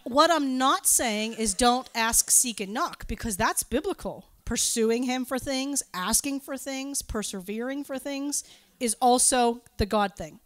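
A preacher addresses a church gathering in a somewhat high, slightly bright voice at a measured pace, with no echo. She weaves personal stories into an informal sermon, chatting along, poking fun at herself and giggling.

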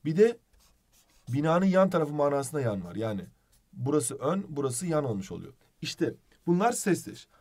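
A man teaching a video lesson, playful and animated, asking questions as he explains. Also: a little high, moderate pace.

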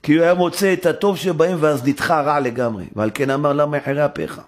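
A man serving as rabbi gives an energetic synagogue sermon, voicing dialogue and breaking into sudden high-pitched exclamations.

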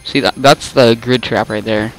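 A man's voice: medium pitch, fairly even intonation, normal speed, soft background music. A young man giving casual, rambling commentary while playing a video game, often stopping mid-sentence to react. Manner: rambling, self-interrupting, easily exasperated. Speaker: gamer.

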